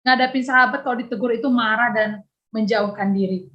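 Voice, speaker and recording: A woman, teaching a youth Bible lesson over a video call. She chats lively, laughs often and acts out dialogue. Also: fairly high pitch, fairly quick, dull audio.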